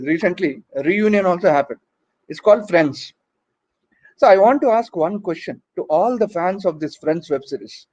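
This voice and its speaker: Here the Indian-accented comedian works an online crowd from his home during a virtual conference, chatty and teasing with plenty of tag questions. The high, somewhat mellow voice comes through lo-fi, muffled call audio.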